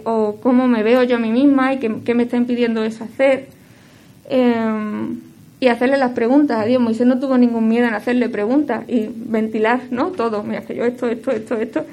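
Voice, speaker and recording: Woman, devotional teaching, slightly high voice, reflective, halting with fillers, trails off at phrase ends. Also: a little mellow. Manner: reflective, halting, with frequent fillers and self-corrections. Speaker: speaker giving a devotional talk.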